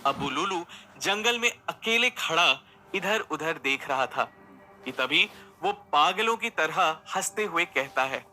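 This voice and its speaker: A male narrator tells an audio story in a steady, measured voice that sits a little high. Music plays throughout.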